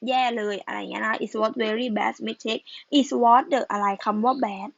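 A woman teaching English, patiently going over worksheet answers in an unhurried, casual way and spelling out words letter by letter. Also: a little high, fairly even intonation, creaky, no echo, highs cut off. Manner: patient, ends phrases with soft polite particles, spells out letters. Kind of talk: slow casual lesson explaining answers.

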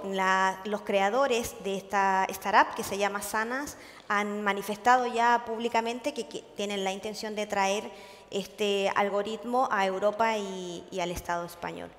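Earnest woman lecturing in a reverberant hall. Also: medium pitch. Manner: earnest, full of hesitations, checks in with listeners. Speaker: conference speaker. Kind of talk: public lecture to an audience. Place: large conference hall.

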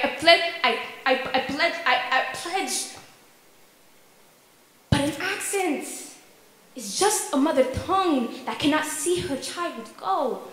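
A young woman performs a spoken word poem at a stand microphone in a wood-paneled hall. Her delivery is rhythmic and emphatic, with deliberate stammered repetitions, and her voice is high and a bit bright.

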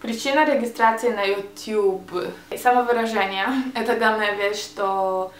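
Seated facing her camera mic in a small, bright room indoors, a young woman records a casual tag video in Russian, her second language, with a Hebrew accent. She keeps a steady tone and moderate pace in a mid-range voice, frequently hesitating and restarting words. The room sounds echoey.

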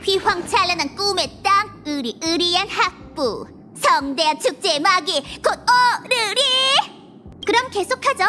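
A woman voicing an excitable cartoon monkey professor in a game, a strict, theatrical judge who scolds in exclamations. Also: very high-pitched, heavily acted. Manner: exclamatory, scolding, chanting verbal tics.

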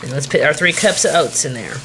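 A woman's voice: low-pitched, lively intonation, a little fast. A young woman, walking through a home cooking recipe step by step in a folksy, homey way in her kitchen. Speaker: cooking show host. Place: home kitchen with wooden walls. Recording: noisy home camcorder audio.

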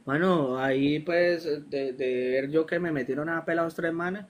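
A young Colombian guy with a Colombian accent tells his story as a guest in a relaxed interview, slangy and animated, acting out the dialogue. His voice sits slightly high and his pace is a bit slow.

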